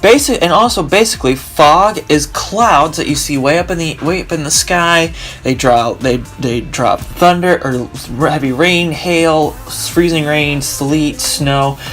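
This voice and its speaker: A man's voice: fairly high pitch, unhurried, fairly bright tone, faint music behind. A young man with a groggy allergy-worn voice, explaining weather casually in a rambling way with many restarts. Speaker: weather video host.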